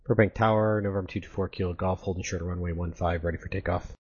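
Pilot over the radio: a man with a very deep voice, muffled transmission, halting with fillers. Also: steady tone, slightly rough. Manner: halting, with many fillers and self-corrections. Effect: pilot heard over the aircraft radio. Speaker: private pilot. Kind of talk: radio calls to air traffic control.

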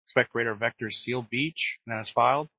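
A man's voice: mid-range voice, a little fast, pushed and bright, husky, no echo. A man giving procedural instructions as an air traffic controller over radio. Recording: muffled dry aviation radio.

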